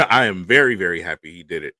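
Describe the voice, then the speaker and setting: A man speaks on a casual sports panel in a very deep, forceful voice. He makes his points emphatically and drives them home by repeating them. The sound is dry and close. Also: lively intonation, a little fast, dry recording. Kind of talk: casual sports roundtable chat.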